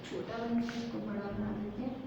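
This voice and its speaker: A woman's voice: a little high, level tone, a little fast. A woman teaching a chemistry lesson, often asking a question and then answering it herself, with English terms mixed in. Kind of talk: classroom lesson explaining at a board. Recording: very echoey room, dull lo-fi sound, faint noise.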